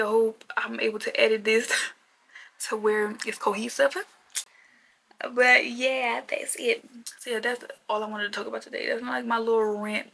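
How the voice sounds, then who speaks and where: Young woman vlogger in her twenties, casual rambling rant, bright gravelly fry, flat delivery. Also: mid-range voice, poor audio. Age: 20s. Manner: chatty, repetitive, lots of "like" fillers.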